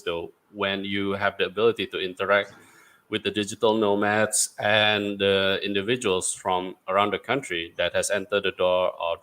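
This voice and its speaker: A man from Indonesia hosts a podcast interview in a relaxed, loose way. His voice sits very low, and he leans on fillers and restarts as he works his way to each question. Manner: conversational, loose grammar, frequent fillers. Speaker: podcast host. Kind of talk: casual interview.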